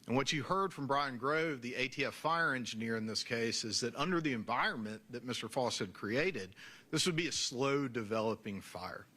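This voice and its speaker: A man speaking as a prosecutor in a courtroom, giving a formal, deliberate closing argument in short narrative phrases. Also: medium pitch, sharp tone.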